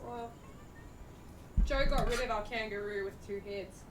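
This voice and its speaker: A woman's voice: medium pitch, measured pace. Rambling woman on a distant, echoey mic. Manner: rambling, animated, self-mocking. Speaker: stream co-host. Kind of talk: casual chat among friends. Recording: distant mic, roomy echo, noise.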